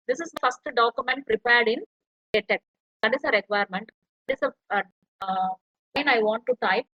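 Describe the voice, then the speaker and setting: Bright woman lecturer. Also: on the high side, no echo, low-quality recording. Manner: explains step by step while typing. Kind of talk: online tutorial walkthrough.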